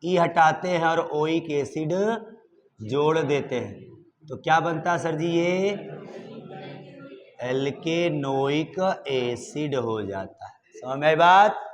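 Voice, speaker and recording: A man with a fairly high voice and slow pace lectures a chemistry class. He coaxes his students along by asking them questions and calls them "beta".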